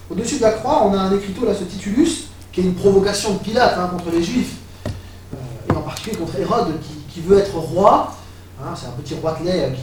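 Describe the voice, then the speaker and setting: A man preaching a sermon, animated and building to excited exclamations. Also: high voice, slight background noise. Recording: echoey hall, voice from far off.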